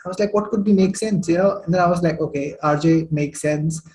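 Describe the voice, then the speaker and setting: A man's voice: on the high side, brisk, darkish tone, low-quality recording. A young man from Saudi Arabia, a podcast guest telling his story in casual chat with many fillers.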